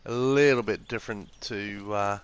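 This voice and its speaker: A man with a lowish voice and the congestion of the flu gives casual, hesitant live game commentary at a moderate pace, explaining things as he goes. He's a gaming streamer talking into a PS4 headset mic in a room beside an office with the windows open, and there's a slight hiss or hum.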